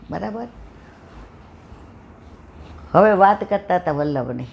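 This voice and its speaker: A woman's voice: sits low, muffled recording. An older woman gives a devotional satsang talk, earnestly telling family stories and asking her listeners questions. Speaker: satsang speaker. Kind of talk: devotional talk with personal storytelling.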